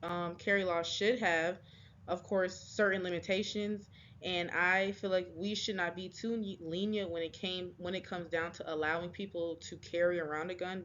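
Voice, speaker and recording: Halting young woman giving a class speech. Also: lowish voice, a bit bright, lo-fi sound, a little hiss or hum. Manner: halting, with frequent ums, restarts and apologies.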